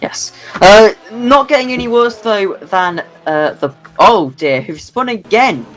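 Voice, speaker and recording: A man's voice: high voice, lively intonation, slow pace, a bit bright, low-quality recording. A sleep-deprived man commentating an online endurance race, rambling and self-deprecating. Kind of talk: sim racing commentary.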